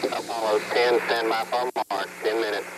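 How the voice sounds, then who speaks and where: A man's voice: on the low side, level tone, moderate pace. Man on breaking up space radio. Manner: clipped radio procedure talk. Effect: breaking up space radio transmission. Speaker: mission control communicator. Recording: very noisy radio link.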